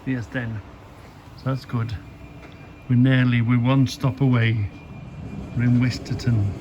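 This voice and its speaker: A man's voice: medium pitch, level tone, unhurried, muffled recording. Rambling man vlogging amid station noise. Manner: rambling, musing to himself. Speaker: travel vlogger. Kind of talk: casual travel vlog chat, thinking aloud. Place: train stations, platforms and aboard trains. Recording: noisy handheld recording amid station and train noise.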